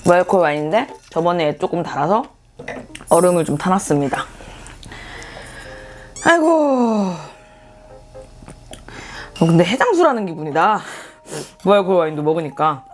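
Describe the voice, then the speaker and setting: Chatting fast with lively intonation, a woman mukbang vlogger eats and talks casually to viewers, making playful jokes at her own expense. Her pitch is fairly low, and there's background music beneath her voice.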